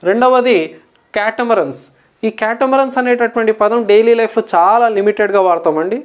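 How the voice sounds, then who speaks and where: A woman with a Telugu accent, a teacher who explains English words slowly, spells them out letter by letter and keeps checking that the class follows. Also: a little high. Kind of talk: recorded vocabulary lesson.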